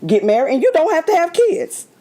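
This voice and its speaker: A woman co-hosting a casual talk show, speaking bluntly and without filters. Her pitch swings widely as she talks, and she laughs through her jokes. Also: sing-song, a little fast, mellow. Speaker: co-host. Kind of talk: casual chat.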